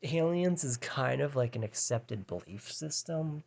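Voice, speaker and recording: A man's voice: medium pitch, animated, measured pace, creaky, darkish tone. A man in his thirties talking to camera in a rambling, hesitant way, full of fillers and restarts. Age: 30s. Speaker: vlogger. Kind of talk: casual rambling monologue.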